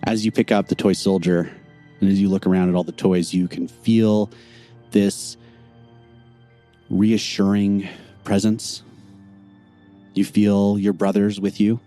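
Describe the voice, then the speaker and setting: A man narrating a tabletop game as game master, a deliberate storyteller. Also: lowish voice, level tone, dark tone, faint music behind.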